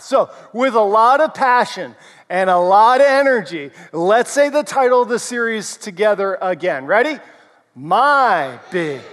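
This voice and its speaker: Energetic pastor with a high voice. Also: male voice. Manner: leads the congregation in call-and-response chants; energetic and playful, stretching and slowing key phrases. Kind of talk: sermon. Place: large church hall. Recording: long reverb of a large hall.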